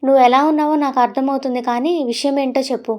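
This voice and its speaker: A woman's voice: sits high, steady tone, fast, darkish tone, natural voice. A woman voicing a brusque but caring young husband who presses with demanding questions. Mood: worried, pressing.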